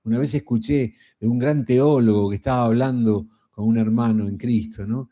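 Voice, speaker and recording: A middle-aged man with a Rioplatense Spanish accent preaches a sermon in a folksy, conversational style, often throwing in a rhetorical "¿no?". His voice is medium-pitched and dark, with a steady tone at normal speed.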